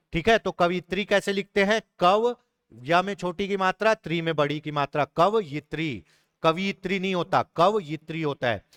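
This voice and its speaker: Man, young adult, exam prep teacher, spells words out slowly, dry close sound. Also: high voice, a bit bright, clean tone, no room sound. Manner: explains patiently, spells words out slowly, checks in with "ठीक है".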